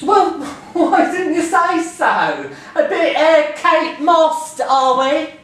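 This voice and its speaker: An actor playing a proud, cheeky young Cockney man with a quick, chirpy, mocking way of talking. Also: extremely high pitch, animated, fairly bright tone, full character voice. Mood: amused. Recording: roomy echo, distant from the mic.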